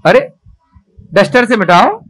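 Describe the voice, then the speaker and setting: A man teaching children to write a script in a classroom, coaxing and praising them and spelling out each stroke slowly. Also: high-pitched, very animated, fairly bright tone, rough recording.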